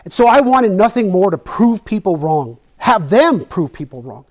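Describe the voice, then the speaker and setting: A man's voice: high-pitched, very animated, normal speed. A middle-aged man from Texas, an educator telling a personal story in a presentation, earnest and emotional, repeating phrases for emphasis.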